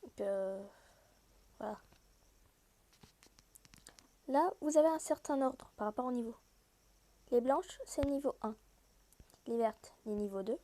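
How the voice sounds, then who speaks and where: A woman's voice: high-pitched, a little slow, pauses often, warm tone. A woman giving a casual gameplay walkthrough, explaining each step directly to her viewers. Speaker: gaming video host.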